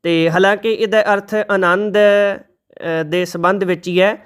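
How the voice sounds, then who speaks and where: Man with a high, clear voice teaching recitation. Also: steady tone, a bit bright. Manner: slow, deliberate, spells out letters and corrects pronunciation. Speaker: Gurbani pronunciation teacher. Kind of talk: recitation lesson with slow chanted verses.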